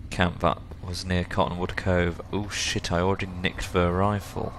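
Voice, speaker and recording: A man's voice: low voice, little pitch movement, normal speed, noisy background. A man doing casual let's play commentary, reading dialogue choices aloud in role-play.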